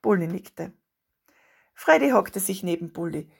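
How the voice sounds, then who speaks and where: A woman reading a children's story aloud in a steady, expressive way. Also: lowish voice, measured pace, creaky, husky.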